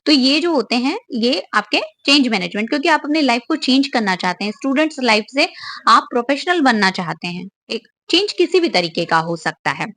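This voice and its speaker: Woman tutor, bit high voice, dry close mic, walks through exam questions herself. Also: animated, fairly quick, a bit bright, no room sound. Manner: explains step by step, asks and answers questions. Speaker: exam-prep teacher. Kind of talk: online exam-prep lecture.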